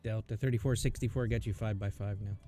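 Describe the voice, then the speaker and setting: Mellow low-voiced guy doing atc on stream, faint music behind. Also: fairly even intonation, fast. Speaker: air traffic controller and streamer. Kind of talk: procedural air traffic control calls and casual chat.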